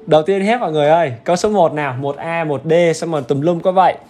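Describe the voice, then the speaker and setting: A man's voice: a little high, very fast, a little mellow, faint music behind. Upbeat man teaching. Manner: upbeat and chatty, keeps urging viewers to comment; repetitive check-ins with the audience. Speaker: English teacher. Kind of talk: livestream exam-review lesson.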